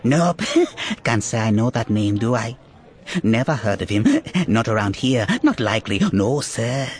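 A man's voice: medium pitch, big pitch swings, slow. A man doing a sly, giggling little rodent alien. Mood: sly, wheedling. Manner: wheedling, ends lines with tag questions, giggly. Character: small sly male rodent-like alien inmate. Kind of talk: audiobook character voice.

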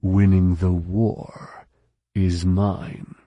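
Narrator voicing a cold, slow-spoken colonel, low and measured, dry close sound. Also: male voice, no echo, highs cut off. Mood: cool, controlled. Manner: slow, deliberately calm and measured. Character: calm, cold male military colonel.

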